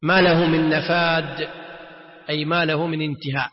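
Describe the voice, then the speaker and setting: A man's voice: fairly high pitch, little pitch movement, moderate pace. A man teaching a religious lesson, often repeating words and putting rhetorical questions to his students. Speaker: Islamic scholar teaching. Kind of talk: religious lesson explaining a text. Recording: echoey hall, muffled lo-fi sound.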